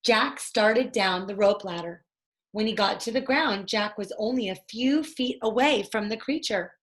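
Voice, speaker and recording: A woman reads a children's storybook aloud with plenty of expression, addressing her young listeners and acting out the dialogue. Her mid-range voice is slightly bright and unhurried.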